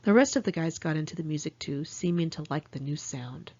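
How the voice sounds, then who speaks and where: Reading her own memoir as a first-person audiobook, an American author speaks briskly in a deep, mellow voice with a breathy edge. She's frank, chatty and salty-tongued, though the audio is muffled.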